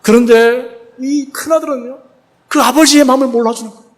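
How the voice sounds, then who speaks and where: A man's voice: extremely high pitch, steady tone, brisk. A male pastor preaching a sermon, retelling a parable and asking rhetorical questions.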